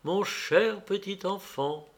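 A man reading an audiobook, voicing a kind, poor father who speaks softly through his grief. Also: a little high, a little slow, smooth. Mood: grieving. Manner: warm, choked with grief.

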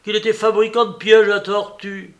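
A man reading aloud voices an irascible male concierge who shouts and blusters in a storybook. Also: high voice, flat delivery, moderate pace, pitched above the performer's own voice, lightly acted. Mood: furious. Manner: loud, furious, blustering.

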